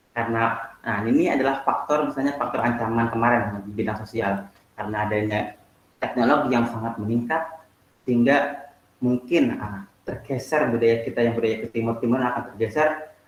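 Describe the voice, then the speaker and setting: Teacher in a roomy room. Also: male voice, medium pitch. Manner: explains with many "nah" and asides, asks students questions. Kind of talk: online class lecture. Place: home, online video class. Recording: roomy echo.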